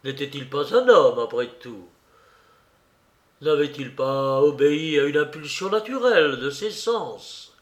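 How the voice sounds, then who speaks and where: A man reading a literary novel aloud in a measured, expressive way. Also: fairly high pitch. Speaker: audiobook narrator.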